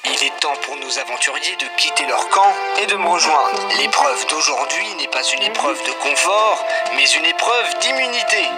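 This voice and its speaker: A man's voice: fairly high pitch, animated, normal speed, few pauses, over loud music, natural voice. Man doing a mock-solemn show host. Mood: announcing. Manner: announcer-like, solemn parody. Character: mock-serious male reality show host.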